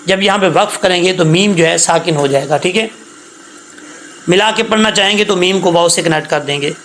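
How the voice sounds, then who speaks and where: A man teaching Quran recitation rules, spelling words letter by letter and chanting verses slowly, often checking that listeners follow. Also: high voice, fairly bright tone, a little hiss or hum. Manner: slow, drawn-out chanting when reciting, patient explaining; checks understanding with repeated questions.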